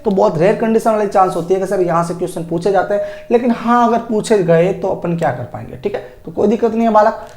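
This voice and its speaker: A man with a high, slightly mellow voice lectures as a chemistry teacher at a whiteboard, posing rhetorical questions to the class and answering them himself. He calls his students "sir" and "child," and the room is echoey.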